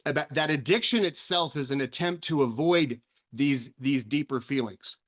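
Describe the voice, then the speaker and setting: An author and speaker on recovery gives a reflective solo talk in a slightly bright male voice of medium pitch, at a normal speed. He sounds earnest, personal, and searching, asking questions aloud and often restarting or repeating words as he thinks.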